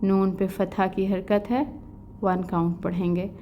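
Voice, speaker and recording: A woman's voice: medium pitch, little pitch movement, lo-fi sound, a little hiss or hum. A woman with a Pakistani Urdu accent teaching an online tajweed lesson, explaining rules step by step in plain speech. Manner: slow melodic recitation of verses, then plain explaining.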